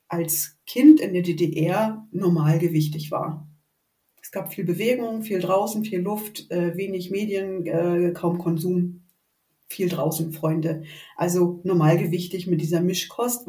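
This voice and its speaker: This is a dark, fairly low-pitched woman's voice, heard from a distance in an echoey room. Forty-eight and from Rostock, she has a northern German accent and talks hesitantly about her own life during a casual podcast interview.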